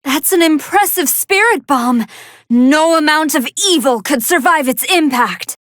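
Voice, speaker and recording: A young female android scientist from an anime fighting game, with a high voice in a dry studio sound. She speaks in formal, scholarly phrases as a commentator, earnest and excitable, with a hunger she struggles to contain. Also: a little slow, no room sound. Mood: curious, analytical.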